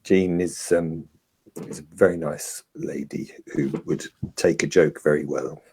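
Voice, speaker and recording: A man talks informally and hesitantly, trailing off as he goes. His voice is deep, dark and mellow, with a strongly husky edge. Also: steady tone, unhurried. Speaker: guest on an online show. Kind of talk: casual chat.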